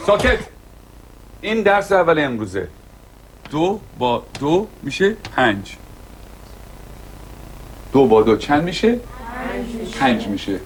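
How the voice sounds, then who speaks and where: A tyrannical barking schoolteacher. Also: male voice, fairly high pitch, sing-song, long pauses, a little hiss or hum, rough recording. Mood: domineering. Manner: barking orders, shouting drills. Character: stern authoritarian male schoolteacher bullying his class. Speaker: schoolteacher in a film.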